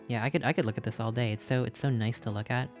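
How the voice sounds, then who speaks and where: A streamer gushing over fan art in casual live-stream chat, excitable and repeating itself, a little out of breath. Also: mid-range voice. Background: faint background music.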